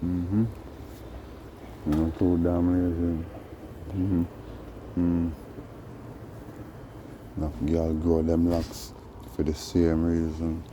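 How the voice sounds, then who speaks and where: Man, extremely low voice, flat delivery, preachy Rasta speech, casual monologue, noisy ambient recording. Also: drawn-out words, pauses often. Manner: Rasta speech with patois and frequent tag phrases. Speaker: host.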